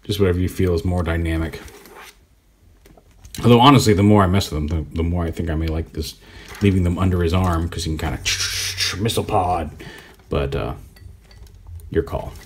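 A man giving a relaxed, rambling hands-on toy review, thinking aloud as he poses the figure. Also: sits low, fairly quick, long pauses, slight background noise. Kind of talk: casual hands-on product review.

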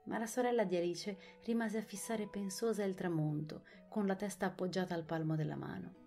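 A woman narrating an audiobook of a children's classic, expressive and clear. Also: mid-range voice, brisk, soft background music.

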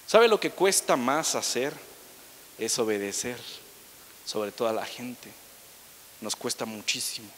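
A man's voice: mid-range voice, big pitch swings, measured pace, pauses often, fairly bright tone, in a large hall, slight background noise. A young man preaching a sermon in a church, chatty and joking as he acts out the people he talks about. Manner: conversational preaching with humorous asides, acting out quoted people. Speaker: pastor. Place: church hall.

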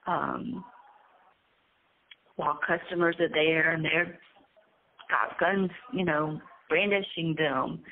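A nervous woman hesitantly telling her own story as an interviewee, pausing often with ums. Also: on the low side, vocal fry, husky. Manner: hesitant, halting, with frequent ums. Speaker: incarcerated interviewee. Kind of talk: casual conversational storytelling. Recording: tinny phone line.

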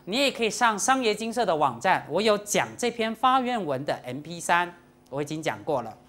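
Woman, Buddhist nun, dharma lecture; lowish voice with a very lively pitch, playful and joking, mixes in English. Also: fairly quick. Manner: lively, teasing, jokes with the audience. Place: lecture to a live audience.

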